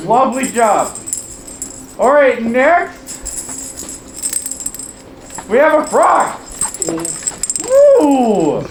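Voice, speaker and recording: A panel host at a fan convention, talking to a live audience in a playful, teasing way and calling people up on stage. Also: mid-range voice. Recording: echoey room, faint noise.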